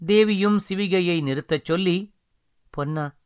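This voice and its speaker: A man reads a historical novel aloud in a measured, storytelling manner. His voice is fairly high for a man and smooth, and the recording is close and dry with no room sound. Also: fairly bright tone, no echo. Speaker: audiobook narrator. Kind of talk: scripted narration.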